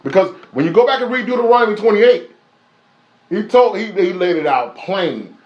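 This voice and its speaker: A man's voice: high-pitched, lively intonation, moderate pace, muffled recording. A man preaching a live-streamed sermon, emphatic and repetitive, with many rhetorical questions. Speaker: preacher teaching a Bible lesson. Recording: echoey room.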